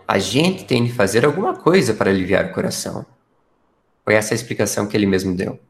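A man's voice: fairly low pitch, fast talker, gravelly. A man playing a detective's earnest, impressionable companion in a radio drama, recounting findings expressively. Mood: earnest reporting.

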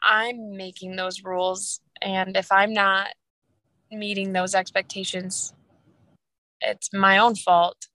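A woman's voice: medium pitch, level tone, takes it slowly, pushed and bright, no echo. A woman in her late twenties, a mother and wife, chatting casually on a podcast in a rambling, reflective way. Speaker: podcast co-host. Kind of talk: casual chat.

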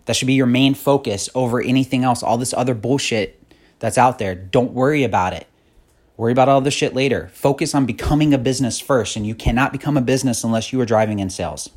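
A husky-voiced man in his thirties delivers a motivational podcast monologue. He talks bluntly and swears freely, pressing his point harder as he goes. His voice sits at an ordinary pitch for a man. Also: quick pace, darkish tone. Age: 30s. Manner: blunt, profane, increasingly fired-up. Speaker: podcast host.

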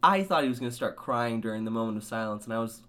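A young man co-hosting a casual podcast chat, ranting with animated, laughing delivery. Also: mid-range voice, fast talker. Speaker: podcast co-host.

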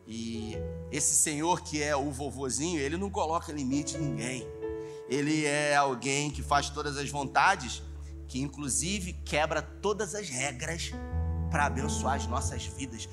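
Male pastor, sermon, dynamic delivery from loud to hushed, music bed behind. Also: a little high, unhurried. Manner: dynamic preaching, swings between loud emphasis and hushed asides.

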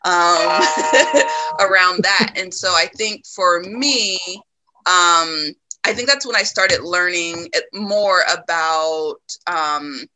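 A woman from the United States talking reflectively in a casual conversation, often pausing with ums and laughing. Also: lowish voice, pushed and bright, a little hiss or hum, low-quality recording.

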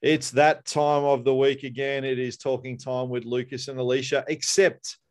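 A man's voice: medium pitch, level tone, moderate pace, darkish tone. Chatty Australian man hosting. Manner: chatty, uses 'mate'. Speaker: podcast host. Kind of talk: casual podcast chat.

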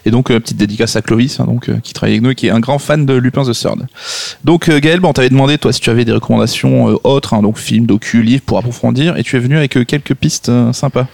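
A man hosting a podcast, brisk and steering the talk toward his guests. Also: medium pitch, creaky, darkish tone, dry recording. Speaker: podcast host. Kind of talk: podcast conversation.

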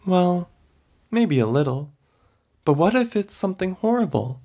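A man's voice: high-pitched, sing-song, unhurried, warm tone, pitched above the performer's own voice, exaggerated voice. A man reading a story, voicing a hesitant, nervous woman neighbor. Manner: timid, hesitant.

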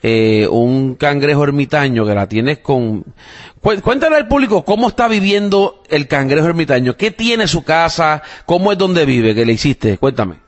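On his laid-back family podcast, a father from Puerto Rico talks with his little daughter in a Puerto Rican Spanish accent, full of fillers and occasional English phrases. He sounds a little high at a moderate pace, and the audio is dull.

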